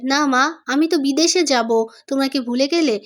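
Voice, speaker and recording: A woman's voice: sits high, a little fast, close to an everyday voice. A woman reading the lines of an annoyed young daughter who protests against her family.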